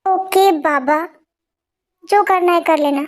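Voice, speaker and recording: A woman doing a soft-spoken teasing young husband. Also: very high-pitched, unhurried. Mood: soothing. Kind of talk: amateur Hindi fan dub.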